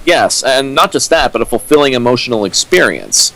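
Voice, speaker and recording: Over a home stream mic, a young co-host riffing on a fanfic lectures earnestly about writing theory in casual chat, packing in fillers. His medium-pitched voice is sing-song, brisk, creaky and a bit bright.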